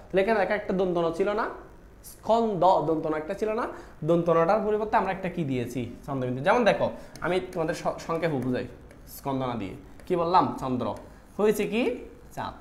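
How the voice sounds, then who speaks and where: Male online tutor, quick and high-pitched, in an echoey room, keeps quizzing the class. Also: animated, a bit bright. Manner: talks to students directly, repeats "dekho" often; asks questions and answers them himself. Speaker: online Bangla admission-test teacher. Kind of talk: live online class, explaining spelling questions.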